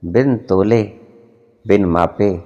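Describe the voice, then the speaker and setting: A middle-aged man giving a spiritual discourse, deliberate and emphatic, his voice rising and dropping sharply to make a point. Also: fairly low pitch, warm tone, lo-fi sound. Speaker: spiritual teacher.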